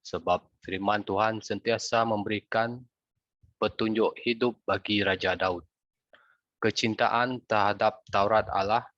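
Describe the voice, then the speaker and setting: A man giving a sermon in a measured, formal way, setting out numbered points. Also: lowish voice, fairly bright tone, no room sound. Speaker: preacher. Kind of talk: read sermon teaching. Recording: dry, dull lo-fi sound.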